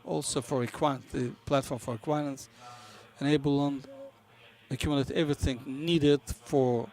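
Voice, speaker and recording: A man who is not a native English speaker gives a business conference presentation, halting as he searches for words. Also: mid-range voice, steady tone, darkish tone. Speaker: conference presenter for a banking software company.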